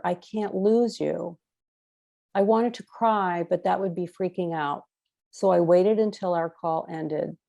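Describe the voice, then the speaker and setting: A middle-aged woman reading her own nonfiction essay aloud in an earnest, measured way with emotional emphasis. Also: lowish voice, gravelly, warm tone. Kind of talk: first-person reading.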